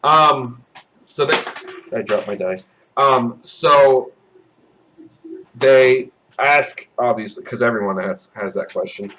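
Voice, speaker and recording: A man leads a tabletop game as dungeon master. His voice sits at an ordinary pitch, and he talks loosely, stalling on ums and uhs as he narrates the scene. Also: slow pace, long pauses, pushed and bright, a little hiss or hum.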